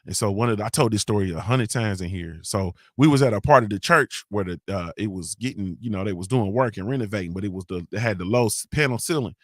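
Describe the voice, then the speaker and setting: This time the host's voice sits fairly low, and he talks fast with few pauses while chatting over live-stream comments on his morning show. Expect frequent cussing, slangy anecdotes, and "you feel me" over and over. Recorded in studio quality with no room sound.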